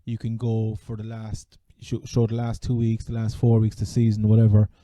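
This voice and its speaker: A man with a Cork Irish accent chatting casually as a sports podcast host, halting and repeating words as he goes. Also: on the low side, completely flat delivery, dark tone, no room sound. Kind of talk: casual fantasy American football chat.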